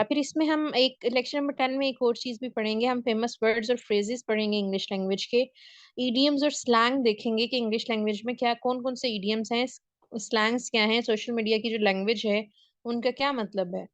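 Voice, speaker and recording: A woman with a Pakistani accent gives an online spoken English lecture over a video call, often checking in with her students as she explains. Her voice is on the high side, and the recording is dry.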